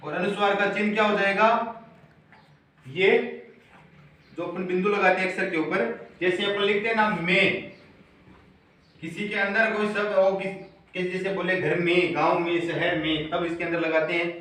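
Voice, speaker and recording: Male teacher, call-and-response lesson style, bright tone, distant echoey classroom recording. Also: sits high, flat delivery, normal speed, long pauses. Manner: call-and-response questioning, repeats answers. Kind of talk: classroom Hindi grammar lesson. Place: classroom with students. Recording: very echoey room, voice far from mic.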